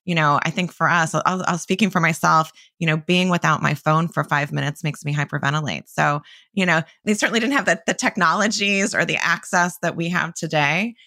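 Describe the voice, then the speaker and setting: A woman hosting a podcast interview, enthusiastic and quick to praise her guest. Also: deep voice, pushed and bright, no room sound, clean studio sound. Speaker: podcast host.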